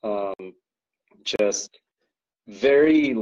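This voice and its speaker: A man's voice: fairly low pitch, animated, extremely slow, darkish tone, lo-fi sound. A man chatting as a podcast guest, rambling with lots of ums and likes and frequent laughs. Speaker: guest co-owner describing an ultra race. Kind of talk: casual podcast chat.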